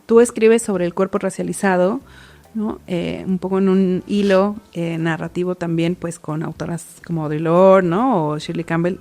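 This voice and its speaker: A woman's voice: on the low side, fairly even intonation, moderate pace, mellow. A woman hosting a podcast, asking long, winding interview questions punctuated by tag questions.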